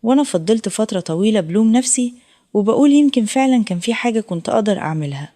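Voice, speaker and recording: A woman's voice: fairly high pitch, racing. A woman with an Egyptian accent narrating a dramatic first-person story, emotional and tearful in tone. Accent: Egyptian Arabic. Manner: emotional, tearful retelling in a steady flow.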